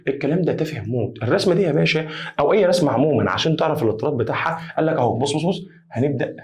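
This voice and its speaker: A man with an Egyptian accent teaching a lively maths lesson, chatty and emphatic, repeating phrases and calling students "ya basha". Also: a little high, rapid-fire. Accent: Egyptian Arabic. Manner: repetitive, emphatic. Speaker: math teacher. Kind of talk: energetic whiteboard lesson.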